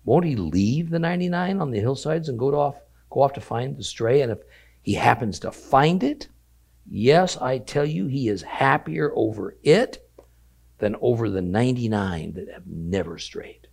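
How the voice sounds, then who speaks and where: A man teaching a weekly Bible lesson, reading scripture aloud and slowing down to stress key phrases. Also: medium pitch, animated, creaky, a little mellow, slightly rough.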